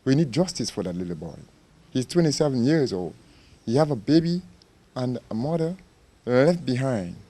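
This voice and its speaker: Impassioned man, dark voice. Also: medium pitch, lively intonation, moderate pace. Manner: impassioned, repetitive. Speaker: interviewee, victim's uncle. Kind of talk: emotional news interview.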